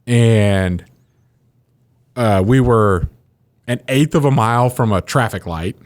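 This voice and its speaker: Man, podcast co-host, teasing and animated, tells stories with voices. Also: medium pitch, slow pace. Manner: joking, animated storyteller. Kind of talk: casual chat.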